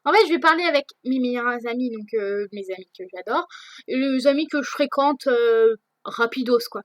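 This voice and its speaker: A woman's voice: on the high side, moderate pace, dry recording. A teenage girl answering viewer questions in a casual vlog, hesitant, with many fillers and restarts. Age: teens. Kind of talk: casual chat.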